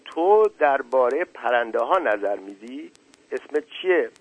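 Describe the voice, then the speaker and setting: A man voicing a curious, excitable young male chick in a storybook reading, calling out eagerly. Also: mid-range voice, slightly rough, no echo, rough recording. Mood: excited, curious. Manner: eager, exclaiming.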